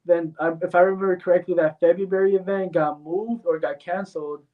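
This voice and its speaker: Briskly and in a steady, high-pitched voice, a male MMA fighter from Mexico gives confident, blunt interview responses peppered with fillers. A far-off, phone-like tinniness marks the recording.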